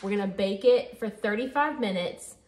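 Here a woman's mid-range voice moves at a moderate pace, with a little hiss or hum underneath. She's hosting a home cooking video, relaxed and talkative, explaining things cook-along style while working at her kitchen counter under an overhead camera, with dishes and pans clattering in the background.

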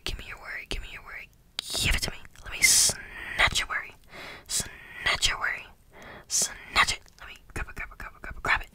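A young woman in a breathy, soothing whispered role-play, very close to the microphone, repeating phrases with tingly ASMR mouth sounds. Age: young adult. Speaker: ASMR creator. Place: small room indoors. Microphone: close desktop condenser microphone.

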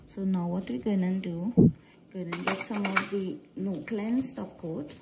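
A woman from Guyana, with a mixed Guyanese-Trinidadian accent, gives a casual voice-over for a nail art tutorial. The recording is very noisy, and her medium-pitched voice is gravelly. She speaks in a relaxed, halting manner with lots of fillers, often dropping nearly to a whisper.

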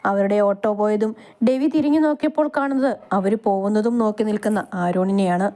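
A woman's voice: mid-range voice, fast, warm tone. A woman with a Malayali accent narrating a romance story aloud, reading it dramatically and giving each character a voice.

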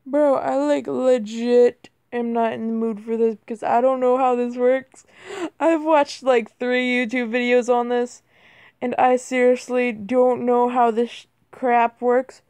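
Playing a mobile game, a woman chats casually and gets flustered, her voice cracking as she drops "bro" and "like" over and over and jokes at her own expense. She speaks in a level, slightly slow, slightly mellow voice on the high side, with a clear, resonant tone in a dry recording.

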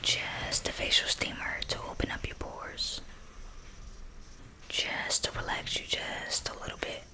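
A young woman doing a fast, hurried ASMR whispered role-play as an attentive barber, speaking softly and close to the mic. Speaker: ASMR creator playing a barber. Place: small dim bedroom, indoors. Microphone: close desktop condenser mic with fluffy windscreen.

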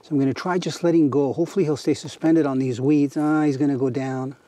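A man's voice: fairly high pitch, steady tone, fast talker, warm tone. A middle-aged man hosting a fishing show, explaining gear and technique outdoors by a lake with easy enthusiasm and a lot of "you know". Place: outdoors on a boat and dock by a lake.

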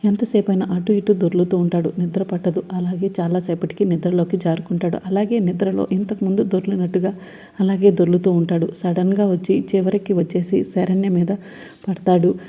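A woman with a low, mellow, dark voice retells a serial episode in an easy, casual flow. Her tone is husky and breathy, and she reads out the characters' lines as she moves the story along. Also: level tone, a little fast. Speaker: serial recap narrator.

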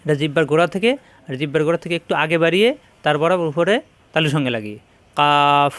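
A man teaching a Quran pronunciation lesson, drawing out each Arabic letter sound slowly and firmly. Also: fairly high pitch, a bit bright, no room sound. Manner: slow, drawn-out demonstration of letter sounds.

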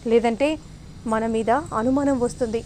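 A woman's voice: a little high, fairly even intonation, normal speed, warm tone, slight background noise, close to an everyday voice. A woman voicing a scheming middle-aged mother who coaxes her daughter to flee. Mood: urgent. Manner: urgent, coaxing.

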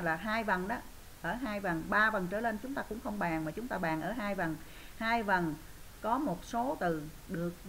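A woman teacher with a southern Vietnamese accent, teaching an English lesson, tagging her sentences with a soft "ha" and slowing down to model English phrases. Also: medium pitch, vocal fry, slight background noise, rough recording. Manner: sprinkles sentences with a soft "ha" tag.

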